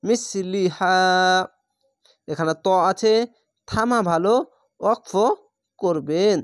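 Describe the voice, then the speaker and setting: A man's voice: sits high, moderate pace, no echo, clean studio sound. A man teaching Quran reading, spelling out each letter and vowel mark one syllable at a time before reading the whole word.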